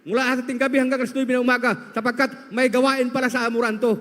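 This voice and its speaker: A man with a strikingly high voice tells his testimony to a congregation. He speaks as a storyteller and keeps calling his listeners beloved. His voice rings out with a long reverb from a large hall. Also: little pitch movement, racing, fairly bright tone. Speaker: church member giving testimony.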